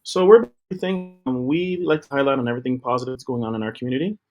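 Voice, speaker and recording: A man's voice: mid-range voice, rapid-fire, darkish tone, soft background music. A middle-aged man giving an upbeat, promotional account of his TV company as an interview guest, with a few fillers. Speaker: guest, TV co-founder. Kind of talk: interview talk.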